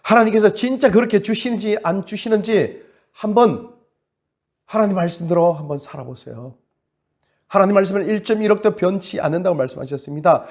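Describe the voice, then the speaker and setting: High-voiced preaching man. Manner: dramatic, acts out quoted prayers, drawn-out emphasis. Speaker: pastor. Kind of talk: sermon.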